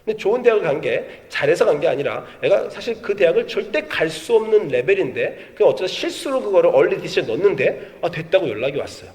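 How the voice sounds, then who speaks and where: Middle-aged male pastor, high lively sermon delivery, church hall echo. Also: quick pace, few pauses. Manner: animated storytelling, acts out quoted voices. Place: church sanctuary. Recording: long hall reverb.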